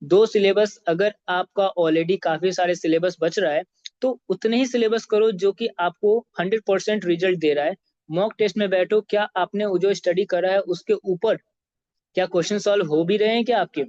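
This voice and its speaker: A man who teaches biology, giving students a motivational talk on exam preparation, switching between Hindi and slow, deliberate English phrases. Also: sits high, a little mellow, lo-fi sound. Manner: addresses students directly with advice.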